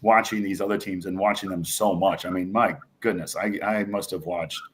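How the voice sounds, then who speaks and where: A bar owner from New York City guests on a podcast, his low voice fairly even in intonation at a normal speed. He chats casually and rambles enthusiastically through anecdotes, frequently saying "you know."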